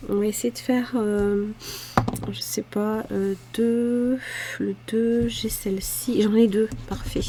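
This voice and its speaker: A budgeting vlogger from France, a woman in her forties with a southern French accent, talks casually to the camera while filling savings challenges. Her mid-range voice is gravelly, and she chats self-deprecatingly about her budget struggles, muttering asides as she sorts her cash against a noisy background.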